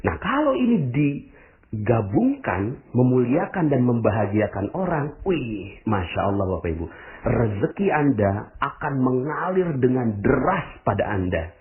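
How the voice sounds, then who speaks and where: A man preaching a motivational sermon in speech, rhetorical and animated, often calling his listeners "Bapak Ibu". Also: medium pitch, unhurried. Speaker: Islamic preacher. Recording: tinny lo-fi recording.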